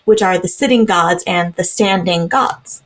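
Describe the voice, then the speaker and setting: A woman's voice: lowish voice, a little slow. A young adult woman co-hosting a podcast in casual chat, chatty, often laughing, with plenty of ums and likes. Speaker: podcast co-host.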